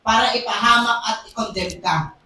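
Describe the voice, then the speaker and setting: A preacher giving an emphatic sermon, at times shouting and often asking the congregation "Hello?". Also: medium pitch, steady tone, normal speed. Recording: echoey hall, distant mic, faint hum.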